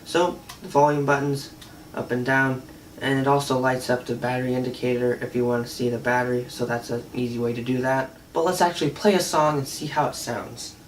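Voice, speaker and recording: A man's voice: medium pitch, level tone, fairly quick, slight background noise. A man giving a casual, unscripted product demo in a hesitant, conversational way. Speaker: product reviewer. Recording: distant mic, faint music at times.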